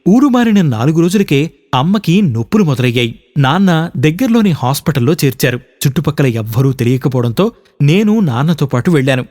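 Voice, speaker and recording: A man's voice: medium pitch, darkish tone, lightly acted. A man voicing a troubled young husband. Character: troubled young husband haunted by mother's death.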